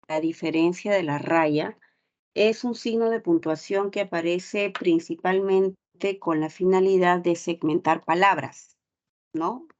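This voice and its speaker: A woman's voice: on the low side, darkish tone. A woman teaching an online class, explaining patiently and often checking in with short tag questions. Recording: dull lo-fi audio.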